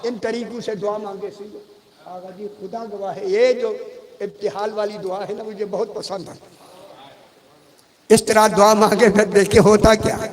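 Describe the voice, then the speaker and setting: A man's voice: sits high, flat delivery, moderate pace. A man gives a majlis sermon, telling stories and speaking straight to his listeners. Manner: conversational storytelling, addresses the audience directly. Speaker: religious scholar giving a majlis sermon. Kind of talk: Urdu majlis sermon with anecdotes. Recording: long reverb of a hall.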